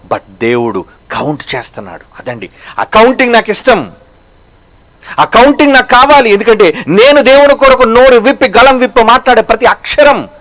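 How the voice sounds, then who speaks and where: High, animated preaching man. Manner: preaching with repeated rhetorical questions to the listeners; slows down for emphasis, swings between loud and hushed. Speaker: pastor. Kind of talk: sermon.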